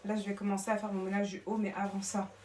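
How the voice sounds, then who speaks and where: Talking quickly in a flat, slightly mellow, medium-pitched voice, a young woman who recently became a mother chats to camera at home. Her French carries a slight foreign accent; she calls viewers girls and uses many fillers. Clicks and faint background noise can be heard indoors.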